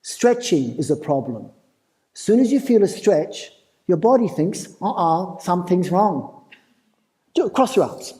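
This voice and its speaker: A man's voice: high voice, sing-song, normal speed, warm tone, rough recording. An Australian man giving a playful live talk at a festival, putting questions to the audience. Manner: engaging, asks the crowd questions, playful. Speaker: festival presenter.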